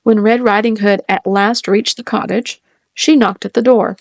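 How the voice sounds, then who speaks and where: A woman reading a fairy tale aloud in a gentle, measured storytelling manner. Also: mid-range voice, fairly even intonation, no echo, clean studio sound. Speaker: storybook reader.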